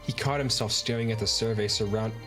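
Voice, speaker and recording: A man's voice: fairly low pitch, fairly even intonation, fairly quick, a bit bright, faint music behind. A man chatting casually while playing a visual novel and reading its narration aloud in an easygoing way. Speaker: streamer.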